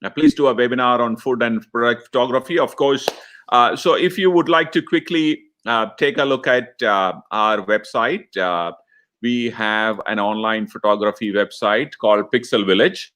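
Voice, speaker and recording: A man in his fifties with a Malayali accent from India, hosting a casual live chat in a halting, jokey way. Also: medium pitch, fairly bright tone. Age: 50s. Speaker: webinar host reading viewer comments.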